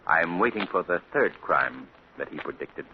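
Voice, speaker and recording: Lamont Cranston, polished and guarded. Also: male voice, low-pitched, expressive. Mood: measured. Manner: measured, polished, with small hesitations. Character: composed wealthy gentleman, secretive, tense. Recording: tinny, hissy 1940 radio broadcast.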